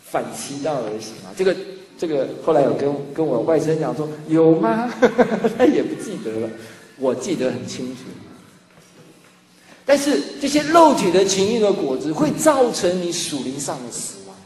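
A man's voice: fairly high pitch, moderate pace, a little hiss or hum. A man preaching a sermon as pastor, telling stories animatedly and acting out dialogue. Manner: animated storytelling, acts out dialogue. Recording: echoey hall with faint ambience.

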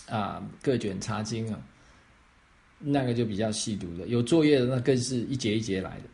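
A man's voice: mid-range voice, a little mellow. Male pastor fielding questions; explanatory, checks understanding, mid-range voice. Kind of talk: answering questions on faith.

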